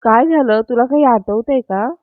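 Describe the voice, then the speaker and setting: A woman voicing a caring young female companion who coaxes gently. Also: a little high, normal speed, no room sound, close to an everyday voice. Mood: gentle. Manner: gentle, coaxing. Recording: dry, slightly dull lo-fi.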